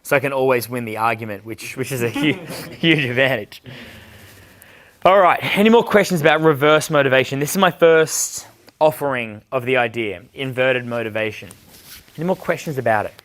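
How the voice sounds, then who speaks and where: A young man giving a dating seminar, blunt and quick to swear, answering questions from the group. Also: medium pitch, a bit bright. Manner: blunt, swears freely, acts out bar dialogue. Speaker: dating coach.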